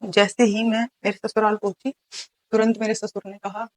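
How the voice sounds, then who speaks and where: A woman's voice: mid-range voice, level tone, normal speed, slight background noise, poor audio. A young woman from Haryana, telling her life story as an interview guest, earnest and full of restarts. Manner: earnest, recounting events with many restarts and quoted dialogue.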